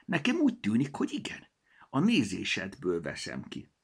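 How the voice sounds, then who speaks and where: A man's voice: fairly low pitch, huge pitch swings, gravelly, breathy edge, exaggerated voice. A man voicing an eager, marveling little elf girl in a striped cap in a storybook reading. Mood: excited.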